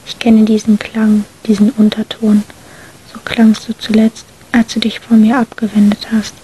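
A woman narrating an emotional first-person story in a whispered role-play, hushed and breathy. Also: mid-range voice, completely flat delivery, moderate pace. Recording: faint hiss.

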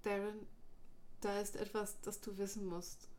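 A weak, wounded young mage, as a woman reads him. He speaks softly and calmly, resigned, his voice faint and low in a spoken audiobook. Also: unhurried, a little hiss or hum, close to an everyday voice. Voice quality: weak, soft voice. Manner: quiet, calm and resigned. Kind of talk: audiobook dialogue.

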